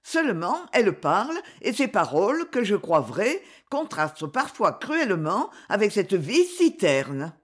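A woman's voice: mid-range voice, very animated, unhurried, hardly any pauses. A woman reading a storybook voices a sad, melancholy young woman in a wistful, downcast tone.

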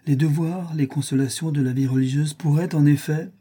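A man's voice: a little high, fairly even intonation, brisk, mellow, husky, pitched above the performer's own voice. A man reading a grave, loving prince father. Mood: earnest. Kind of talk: audiobook reading.

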